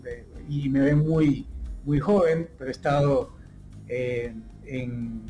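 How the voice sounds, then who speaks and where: In an interview as a guest, a tech startup founder in his thirties, originally from Ecuador, discusses his business at length in a mellow, warm, medium-pitched voice with a steady tone. He's fluent yet full of filler pauses and restarts, with faint music playing softly behind him.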